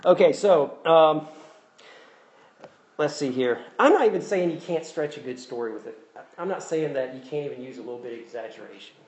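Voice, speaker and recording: A man with a Southern US accent preaches a sermon as a pastor, his voice on the high side, brisk and a little mellow. He keeps it conversational and self-deprecating, repeating his key phrases. The room is echoey with faint ambience.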